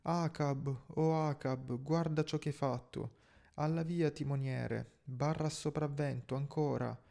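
Male reader doing a frantic, praying first mate, pitched up, gravelly. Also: fairly even intonation, slow. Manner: frantic shouted orders, praying. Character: panicking first mate, middle-aged man, devout.

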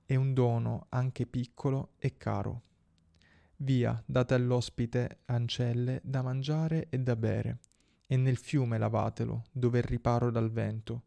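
A gracious young princess who speaks with quiet authority, read by a man in a dark, gravelly voice. Her lines come in a solemn, measured way, with little rise and fall, as in an epic storybook reading. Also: medium pitch, fairly even intonation. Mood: commanding.

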